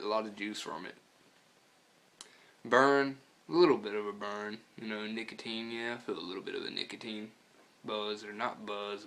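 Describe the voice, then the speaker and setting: An American man with a fairly low voice talks around a lip packed with dip. He rambles in a laid-back, casual way, swearing freely as he reviews and tells stories, with some throat-clearing. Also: fairly bright tone. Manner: talking with lip full of dip. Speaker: product reviewer and storyteller. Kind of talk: casual profane vlog chat.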